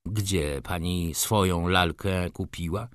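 A man playing a calm, firm merchant. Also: low voice, no room sound, clean studio sound. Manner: measured, composed.

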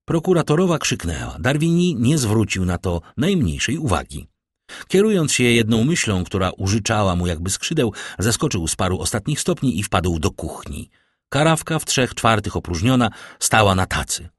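Male narrator with a husky voice and a dry, close sound, reading dramatically. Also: on the low side, normal speed, dry recording. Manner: animated, theatrical delivery. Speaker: audiobook narrator.

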